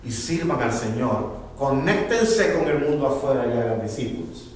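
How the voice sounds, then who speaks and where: A male pastor preaching a lively sermon, acting out the voices he quotes. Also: mid-range voice, normal speed, a little hiss or hum. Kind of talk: bilingual sermon. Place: church hall. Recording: echoey hall from far off, faint ambience.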